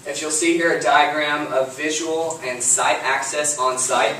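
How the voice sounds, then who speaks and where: A man's voice: a little high, steady tone, unhurried, sharp tone. A young man from Texas giving a student project presentation, walking methodically through slides with frequent ums and uhs. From Lufkin, Texas. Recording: distant mic in an echoey room with faint noise.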